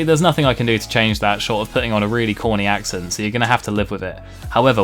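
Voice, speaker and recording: Male streamer, Home Counties English accent, lowish slightly nasal voice, rapid casual vlog delivery over clear background music. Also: fairly bright tone. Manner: self-deprecating, mildly sweary. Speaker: video game streamer.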